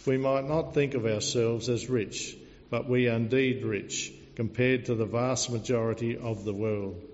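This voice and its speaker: A man, a pastor, preaching an earnest sermon and telling a story to illustrate it, in a measured way. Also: medium pitch, steady tone, a little mellow. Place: church. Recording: dull recording, long church reverb.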